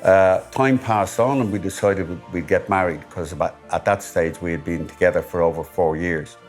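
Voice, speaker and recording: A man's voice: sits low, steady tone, normal speed, faint music behind. A middle-aged man from Ireland with an Irish accent, steadily recounting his married life in a personal testimony interview.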